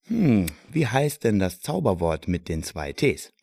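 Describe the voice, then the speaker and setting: A man reading the lines of a patient, good-humoured male hero in a calm, mildly teasing way. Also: lowish voice, a little slow, gravelly, no echo, studio quality, heavily acted.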